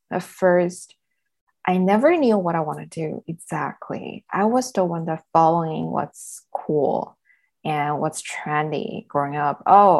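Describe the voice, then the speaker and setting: Chatty woman from southern China, low voice. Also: gravelly. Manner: chatty, laughs often, relaxed. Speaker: guest, self-love coach. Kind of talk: casual interview chat.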